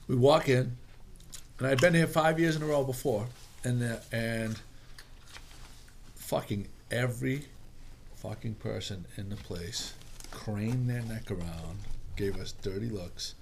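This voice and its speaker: A man swapping stories in a casual chat, stumbling through restarts and swearing freely. His voice sits at an ordinary pitch. Faint noise and clicks run under the recording. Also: measured pace, creaky, pauses often. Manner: profane, storytelling with many restarts.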